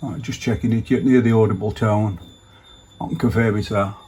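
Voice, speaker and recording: Male electrician, lower register, chatty on-the-job narration, noisy site recording. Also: steady tone, brisk, dark tone. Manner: casual, thinking aloud while working. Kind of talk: work vlog narration.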